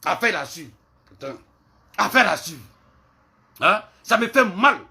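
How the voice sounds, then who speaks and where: Man, heated online ranter, bright ringing voice, raised pitch, repeats himself, bursts loud then drops to mutters. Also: very animated, measured pace, vocal fry. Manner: heated, repetitive, swings from loud outbursts to low mutters. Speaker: online commentator. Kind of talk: ranting commentary video.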